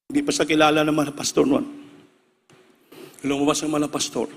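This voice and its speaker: A male preacher telling a story in a sermon, acting out the voices of the people in it and rising to shouts. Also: on the high side, flat delivery, normal speed, vocal fry, in a large hall.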